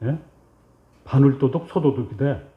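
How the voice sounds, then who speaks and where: A male pastor preaching a Sunday sermon in a reverberant sanctuary, on a slightly dull, muffled recording. His voice sits at an ordinary middle pitch. He keeps asking the congregation questions and answering them himself, sometimes acting out short back-and-forths between God and a believer. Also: unhurried. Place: church sanctuary.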